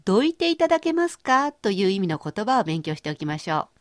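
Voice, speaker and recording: A woman hosting a radio language lesson, explaining phrases clearly and chatting with her co-teacher. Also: mid-range voice, sing-song, quick pace, dry recording, clean studio sound. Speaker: language course host.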